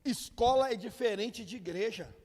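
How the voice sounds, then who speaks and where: A man's voice: sits high, normal speed. A man, a pastor preaching a sermon, telling stories and acting out the people in them. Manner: lively storytelling, acting out quoted people. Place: church hall. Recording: long reverb of a church hall.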